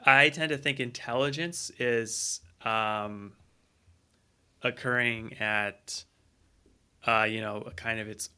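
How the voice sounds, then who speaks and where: A man's voice: mid-range voice, steady tone, slow, long pauses, bright, forceful tone, clear, resonant tone. A man speaking as a researcher guest on a podcast, thinking aloud in a hesitant way with many ums. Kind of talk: casual interview conversation.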